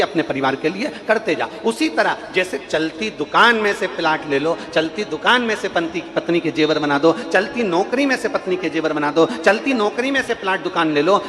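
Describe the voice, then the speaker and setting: Emphatic Hindi preacher in a reverberant hall. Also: male voice, on the high side, a bit bright. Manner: emphatic, repetitive, with chanted refrains. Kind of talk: devotional sermon with sung verses. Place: large outdoor religious gathering. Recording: live reverberant hall with music.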